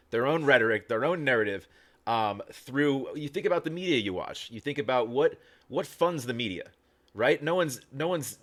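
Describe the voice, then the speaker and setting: A man's voice: mid-range voice, fairly bright tone. A man hosting a casual reaction video, rambling with lots of fillers and restarts and casual swearing.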